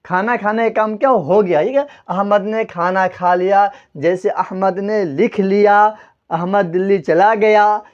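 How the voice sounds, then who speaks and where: An Urdu teacher with a high-pitched, fairly even voice gives a grammar lesson at a board, and the highs in the audio are cut off. He keeps asking the class questions, answers them himself, and spells words out letter by letter.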